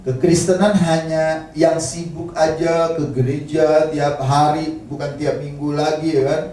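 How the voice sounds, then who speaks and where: Male pastor, casual sermon with jokes, slightly high-pitched voice, heavy hall echo, mic set back, faint background noise. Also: fairly even intonation, a little slow, warm tone. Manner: casual conversational preaching with humorous asides; addresses the congregation directly and often. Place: church hall. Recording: very echoey hall, mic at a distance.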